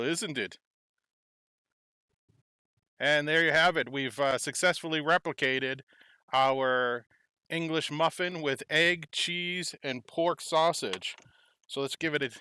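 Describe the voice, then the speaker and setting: A man with a bright, crisp and clear voice hosts a casual cooking vlog. He stands outdoors at a backyard grill and walks the viewer through each step in a chatty way. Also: a little high, unhurried, pauses often, no room sound, clean studio sound. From United States. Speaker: host.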